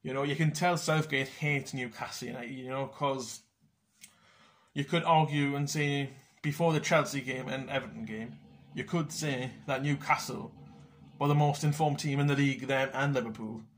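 A young man vents about football in a loose, casual monologue. He is blunt and sweary, grumbling through his complaints in an ordinary mid-pitched voice. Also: fairly even intonation, moderate pace. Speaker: football fan vlogger.

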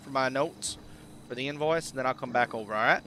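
A folksy country tow-truck driver with a drawl, played by a man. His voice sits in a middling pitch, with a bright edge to it. He chats along easygoing, friendly and plain-spoken. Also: fast talker, slight background noise, lightly acted. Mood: businesslike. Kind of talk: in-character game role-play.

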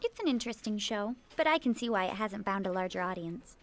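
A woman voicing a thoughtful, frank 1960s office-worker puppet who explains things in a measured way. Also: mid-range voice, animated, close to an everyday voice. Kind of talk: comedic puppet parody dialogue.

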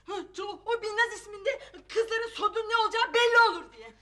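Middle-aged mother, sharp-tongued, bright and forceful. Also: very high-pitched, brisk. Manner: scolding, sharp-tongued, flares into shouting. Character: Safiye, fiery middle-aged mother and wife. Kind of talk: TV comedy-drama acting.

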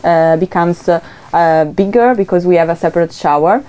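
A young woman, a boatyard representative guiding a tour of a sailboat, speaking haltingly as she searches for English words. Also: fairly low pitch, dark tone, clear, resonant tone. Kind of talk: guided boat tour. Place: inside a sailboat cabin.

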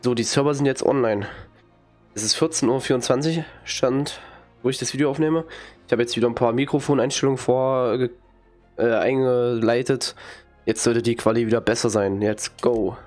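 A young male gaming streamer with a cold gives blunt, slangy, mocking commentary on a video game, coughing now and then. His mid-range voice is moderately paced and darkish, captured on a headset in a small room at home over soft background music.

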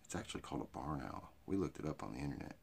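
An American man in middle age talks like a rowdy redneck, with a folksy hick drawl. His voice sits extremely low and is full of gravelly fry and rasp. He rambles crudely and off the cuff, as in a homemade sit-down comedy monologue. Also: very animated, rapid-fire, a little mellow. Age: middle-aged. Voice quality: gravelly, raspy. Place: small cluttered indoor storage room or workshop. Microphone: phone or webcam at arm's length.

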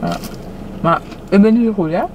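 A woman's voice: medium pitch, huge pitch swings, moderate pace, highs cut off. A young woman chatting casually with a child, chewing and eating as she talks. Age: young adult. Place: inside a parked car. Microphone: camera on the dashboard. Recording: clear background noise inside car.

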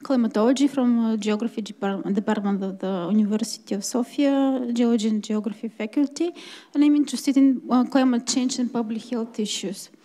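A woman from Bulgaria, an assistant professor, introducing herself at a workshop in a brisk, matter-of-fact way. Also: fairly high pitch, warm tone.

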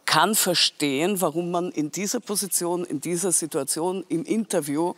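A man speaking as a panelist in a TV discussion, weighing his words and pushing back firmly. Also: a little high. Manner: measured, then firmly objecting.

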